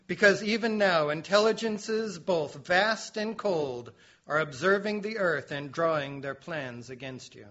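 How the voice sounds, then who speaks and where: A dramatic male herald, high-voiced, warns humanity with an announcer's flair, as a man acts him out. The audio drama recording is dull and lo-fi. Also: animated, unhurried, fairly bright tone. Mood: ominous.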